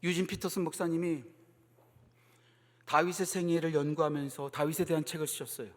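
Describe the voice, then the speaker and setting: A male pastor preaching at a Friday prayer meeting. He shifts from soft, low talk to loud, impassioned exhortation. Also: little pitch movement, fairly quick. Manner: acts out mocking voices in storytelling. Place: church sanctuary. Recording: reverberant church hall.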